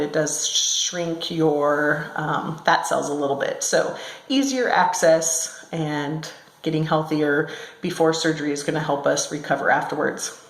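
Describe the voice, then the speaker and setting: A woman talks casually to her viewers, pausing on ums and correcting herself as she goes. Her voice sits a little low. She is recorded in a small room at work, and the echo rings around her words. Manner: chatty, with many ums and self-corrections. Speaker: vlogger. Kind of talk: casual talk to camera. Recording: echoey room sound.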